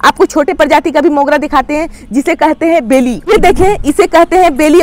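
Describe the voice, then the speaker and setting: A woman hosting a gardening channel, calmly explaining plant care step by step and addressing viewers as friends. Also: sits high, slight background noise. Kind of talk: instructional how-to talk.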